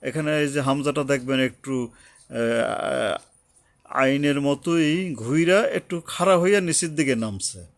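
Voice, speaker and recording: Speaking a little slowly in a slightly high voice, a man patiently teaches tajweed with Bengali explanation, going over letters and pronunciation. He repeats points and shifts into chanted recitation, captured in a dry recording.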